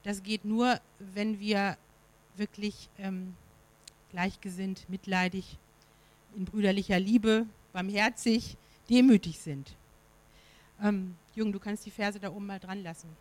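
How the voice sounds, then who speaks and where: A woman's voice: mid-range voice, fairly even intonation, measured pace, a little mellow, low-quality recording. A woman preaching to her congregation in a conversational way, with fillers and rhetorical questions. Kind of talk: sermon.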